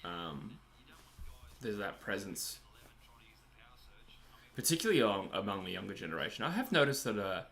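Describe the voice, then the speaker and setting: Here a twentysomething Australian livestream host reads viewer chat during a cricket match, rambling and poking fun at himself. His lowish voice is very animated, creaky, bright and forceful, moving at a moderate pace with frequent pauses.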